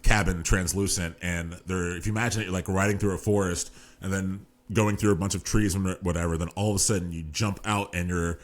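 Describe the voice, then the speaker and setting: Deep-voiced man rambling about a book. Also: steady tone, a little fast, hardly any pauses. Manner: rambling, lots of fillers and restarts. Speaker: podcast host. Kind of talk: casual book discussion.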